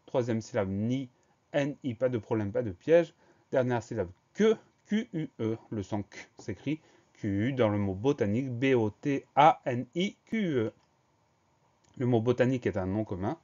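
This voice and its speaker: A man teaching spelling in a patient, careful way, dwelling on each syllable and spelling it letter by letter. His voice sits at an ordinary middle pitch. The recording sounds slightly dull and lo-fi. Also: moderate pace, a little mellow. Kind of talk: spelling dictation lesson.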